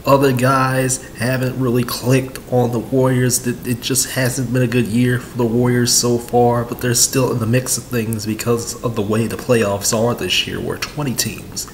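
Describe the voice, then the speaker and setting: A man's voice: medium pitch, level tone, moderate pace, few pauses, slight background noise. A young man in his twenties giving casual sports commentary on his home vlog, rambling with lots of fillers and repeats, recorded on a webcam in a small room. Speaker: sports vlogger. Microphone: webcam at desk.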